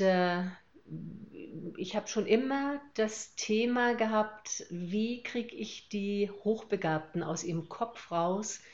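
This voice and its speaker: An older woman raised in Hamburg with a northern German accent, a former teacher speaking thoughtfully as a podcast guest with many pauses and fillers. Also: mid-range voice, a little mellow, lo-fi sound. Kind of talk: podcast interview.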